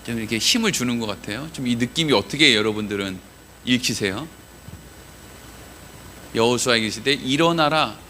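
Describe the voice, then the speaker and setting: A man's voice: medium pitch, animated, fast talker, sharp tone, slight background noise. A man preaching a Wednesday evening sermon in a church, chatty and joking, quizzing the listeners. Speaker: pastor.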